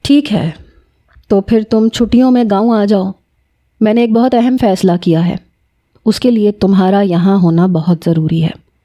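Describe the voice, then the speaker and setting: A woman's voice: mid-range voice, steady tone, dark tone, close to an everyday voice. A woman reading as a stern old grandfather. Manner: slow, curt, threatening.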